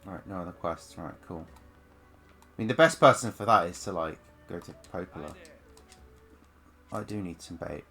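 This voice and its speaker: A man's voice: sits low, moderate pace, creaky, long pauses, pushed and bright, faint music behind. A man giving casual gameplay commentary as a streamer, with sarcastic, offhand remarks. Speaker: let's play streamer.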